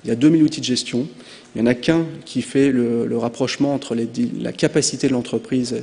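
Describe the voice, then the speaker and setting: A man's voice: mid-range voice, fairly even intonation, fast talker, gravelly, darkish tone. A man from France giving a conference presentation, hesitant with frequent filler sounds. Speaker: conference speaker. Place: conference hall. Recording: long reverb of a hall.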